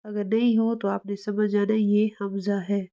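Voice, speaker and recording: A woman's voice: medium pitch, little pitch movement, normal speed, mellow, muffled recording. A woman teaching Quran recitation rules, explaining patiently and demonstrating each sound. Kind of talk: tajweed lesson.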